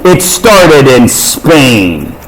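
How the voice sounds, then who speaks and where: A man's voice: mid-range voice, sing-song, extremely slow, poor audio. A Canadian man teaching math in a classroom, joking and teasing his students on a chatty tangent.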